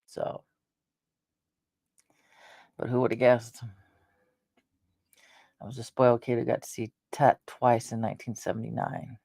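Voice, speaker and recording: A woman's voice: extremely low pitch, flat delivery, a little slow, creaky, pauses often, mellow, no echo, studio quality. A woman in her fifties, hosting her own channel in a rambling casual chat, wandering between thoughts with hesitations and restarts. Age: 50s. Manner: meandering, with frequent hesitations and restarts. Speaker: channel host.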